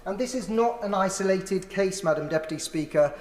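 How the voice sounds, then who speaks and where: Higher-pitched British man debating in echoing chamber. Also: brisk. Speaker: opposition member of parliament. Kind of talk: formal parliamentary debate speech. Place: large indoor parliamentary chamber.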